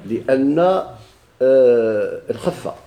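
A man with a Moroccan Arabic accent teaches a grammar class, asking students questions and answering them himself. His mid-range voice is warm, creaky and animated yet slow, in an echoey room.

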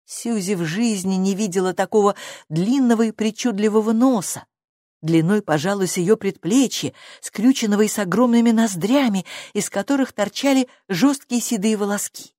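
A woman narrating a storybook in a steady, even reading voice. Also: medium pitch, moderate pace, dry recording, clean studio sound.

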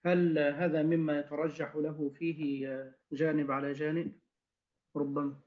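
A man commenting in a scholarly lesson, explaining points of language with measured questions. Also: on the high side, little pitch movement. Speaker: teacher commenting on the reading. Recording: dull lo-fi recording.

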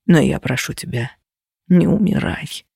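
A woman voicing a weary, protective young man who talks low and soft in an audiobook. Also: animated, measured pace, creaky, breathy edge, dry recording, studio quality, heavily acted. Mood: pleading. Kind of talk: audiobook character voice.

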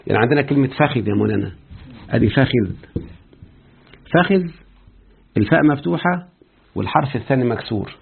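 A man's voice: mid-range voice, animated, racing, gravelly, husky. A man with an Egyptian Arabic accent teaching Arabic grammar in a classroom lecture, explaining step by step, repeating terms and putting questions to his students. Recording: tinny phone-like lecture recording.

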